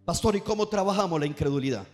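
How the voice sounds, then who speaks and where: A man's voice: high voice, expressive, quick pace, darkish tone, faint music behind. A male pastor preaching a sermon, leading the congregation to repeat after him and stretching key words for emphasis. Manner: preaching with call-and-response to the congregation.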